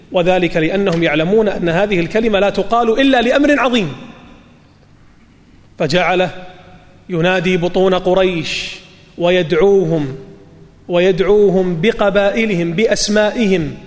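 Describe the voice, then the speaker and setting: A man giving a sermon, retelling a story dramatically and rising to near shouts on quoted cries. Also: sits high, moderate pace, pauses often. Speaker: preacher. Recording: long reverb.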